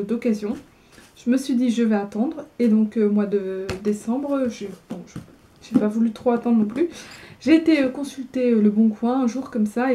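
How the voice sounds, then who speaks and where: Chatty young Frenchwoman, mellow voice. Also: a little high. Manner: chatty, many fillers and restarts. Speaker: book vlogger. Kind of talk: casual book haul chat.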